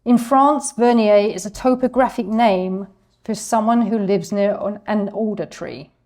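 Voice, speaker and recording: A woman delivers a scripted history presentation to an audience, reading steadily but tripping slightly on French names, for which she apologizes. Her mid-range voice is mellow and her pace measured.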